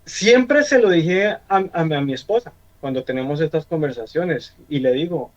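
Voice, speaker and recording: A middle-aged man with a Colombian accent speaks earnestly in a church discussion. He often repeats a word before moving on. His voice sits fairly high, and the sound is dull and lo-fi. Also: expressive, normal speed. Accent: Colombian Spanish. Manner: earnest, repeats words as he searches for them. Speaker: church member on a panel.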